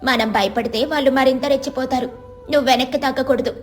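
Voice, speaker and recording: A woman's voice: sits high, steady tone, fast, soft background music, close to an everyday voice. A woman voicing a bossy, sly village neighbor woman giving scheming advice.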